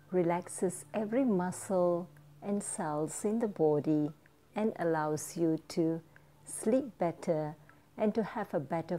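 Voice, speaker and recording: A woman teaching a guided foot-soak meditation, giving gentle step-by-step instructions. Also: on the low side.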